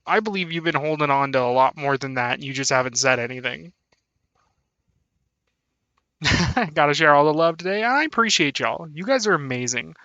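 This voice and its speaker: A man's voice: a little high, expressive, brisk, sharp tone, no echo, lo-fi sound. A young man chatting casually on a live stream, laughing often and thanking his viewers. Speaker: VTuber streamer.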